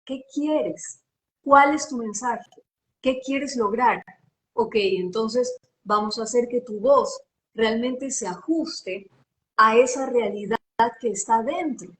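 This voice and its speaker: A woman from Ecuador with a Guayaquil accent, a voice and diction coach explaining in an animated, teacherly way during a live interview. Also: on the high side, takes it slowly. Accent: Guayaquil Spanish. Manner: animated, expressive, teacherly, asks rhetorical questions.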